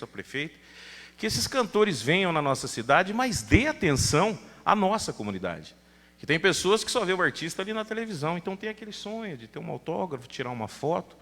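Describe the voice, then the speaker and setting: A man's voice: fairly high pitch, a bit bright. A man with a Brazilian accent from Paraná, a city councilor giving an emphatic formal speech at a public hearing. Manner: emphatic, thanks dignitaries at length. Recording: reverberant council chamber PA.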